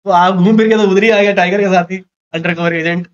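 A young man with a slightly high voice, trading jokes and opinions in casual chat. He sits at a desk mic in a small room, and the recording sounds a little dull and muffled. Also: steady tone, brisk. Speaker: reaction video co-host.

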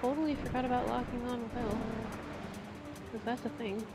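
A woman's voice: on the high side, steady tone, normal speed. A woman giving casual let's play commentary, chatty and exclamatory, talking to the game's creatures as she plays. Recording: game music playing behind.

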